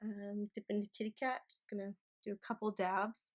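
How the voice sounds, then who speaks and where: A woman's voice: medium pitch, level tone, a little fast. A tipsy woman in her twenties chatting casually to camera as a beauty vlogger, with informal, slangy delivery. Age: 20s. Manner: informal, sweary, effusive slang. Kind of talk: casual makeup tutorial chat to camera.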